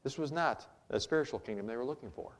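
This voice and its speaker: A man's voice: mid-range voice, quick pace. A male pastor preaching a sermon, telling a story and reading scripture aloud in old-fashioned wording.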